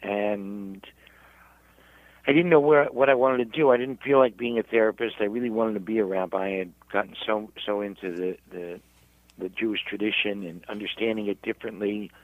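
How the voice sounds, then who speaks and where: Man, rabbi, halting storytelling, tinny phone sound, dry. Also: lowish voice, fairly even intonation, no room sound. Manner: halting, repeats words while searching. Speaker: rabbi and guest. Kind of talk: storytelling in a radio interview.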